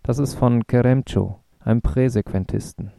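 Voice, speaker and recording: A man's voice: mid-range voice, steady tone, normal speed, gravelly, warm tone, no room sound, close to an everyday voice. A man reading the part of an earnest young male physicist who explains things thoughtfully. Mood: explaining.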